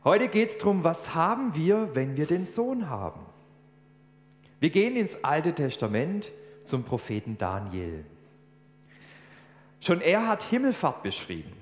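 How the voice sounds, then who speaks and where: Animated preacher in an echoey hall. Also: male voice, on the high side, a little slow, pauses often. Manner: animated, emphatic storytelling. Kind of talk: sermon with storytelling. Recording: echoey church hall, faint hum.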